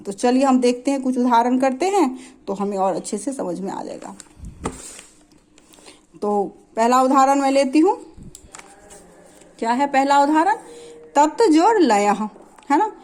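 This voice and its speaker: A woman with a high voice teaches a grammar class. She explains slowly and patiently, walking through one example after another and often stopping to ask whether the students are following. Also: darkish tone. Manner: patient, repeats "है ना" to check understanding.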